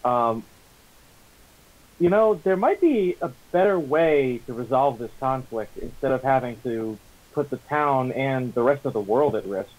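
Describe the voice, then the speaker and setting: Tabletop role-play goddess, played by a man, measured and unhurried, gently reasoning. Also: medium pitch, expressive, voice pushed down, lightly acted, low-quality recording. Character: calm, reasoning goddess speaking from a magic pendant.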